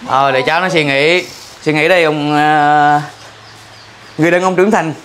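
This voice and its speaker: A man with a fairly high, steady, somewhat bright voice speaks at normal speed, a little hiss or hum in the background. Hosting a charity vlog, he jokes casually with a family and coaxes their boy to come to the city.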